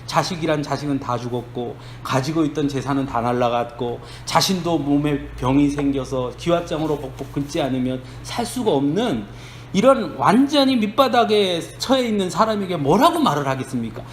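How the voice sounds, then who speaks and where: A man's voice: a little high, expressive, normal speed. A man preaching a sermon as a pastor, telling the story conversationally and asking rhetorical questions of the congregation. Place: church sanctuary. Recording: echoey church hall, faint noise.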